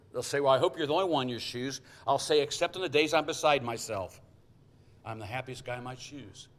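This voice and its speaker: A man's voice: medium pitch, a bit bright, a little hiss or hum. Folksy male pastor, joking sermon. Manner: folksy storytelling, jokey asides.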